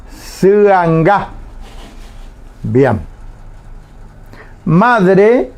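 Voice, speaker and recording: A man teaching a language lesson on the radio, saying each word slowly and repeating it patiently so listeners can copy. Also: high-pitched, a little mellow. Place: radio studio.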